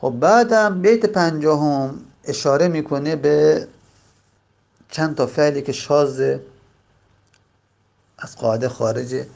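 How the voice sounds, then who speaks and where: A man teaching a grammar lesson, explaining step by step and drawing out example words slowly. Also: on the high side, gravelly, darkish tone. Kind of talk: classroom lesson.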